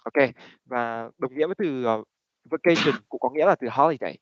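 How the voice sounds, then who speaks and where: A man's voice: medium pitch, fairly quick. A man teaching English pronunciation to a class, switching between Vietnamese and English with many fillers. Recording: dull lo-fi recording.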